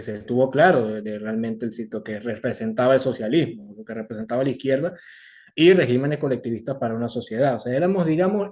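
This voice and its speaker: A man in his twenties with a Venezuelan accent, a young activist answering interview questions in a measured, formal way with frequent "eh" fillers. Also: mid-range voice, darkish tone. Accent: Venezuelan Spanish. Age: 20s. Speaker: guest, young political activist.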